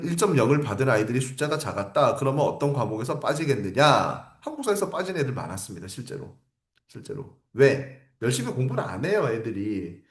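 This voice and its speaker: Male teacher, raised pitch and lively delivery, emphatic and repetitive, in an echoey room. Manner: emphatic, repeats key phrases, asks rhetorical questions. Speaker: academy teacher. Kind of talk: livestream lecture to parents.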